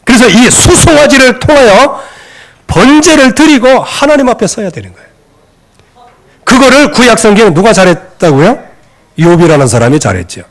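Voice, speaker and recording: A male pastor delivers a sermon in a church with a notably high voice. His pitch swings widely as he preaches with animation, slipping into scolding voices when he quotes people. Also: sing-song, normal speed. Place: church sanctuary.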